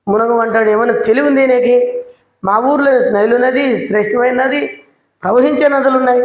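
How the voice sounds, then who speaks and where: A man preaching a sermon in a prayer hall, emphatic and full of rhetorical questions. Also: very high voice. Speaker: church preacher.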